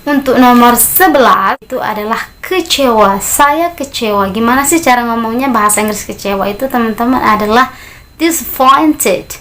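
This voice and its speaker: Slow, careful woman teaching English. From Indonesia. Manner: slow, drawn-out model words with lifted pitch on examples; addresses learners as friends, steady explaining pace. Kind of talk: beginner language lesson.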